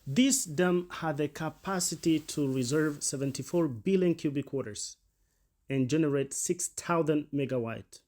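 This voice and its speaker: A man with a somewhat high voice narrates a scripted explainer. He keeps his delivery formal and measured, like a presenter walking viewers through facts. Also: a little mellow.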